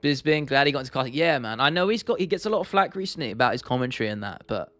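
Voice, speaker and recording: A man's voice: medium pitch, lively intonation, very fast, a bit bright, dry recording. Man livestreaming, close dry sound. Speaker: livestream host. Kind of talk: casual livestream chat answering viewers. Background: faint music, keyboard clicking.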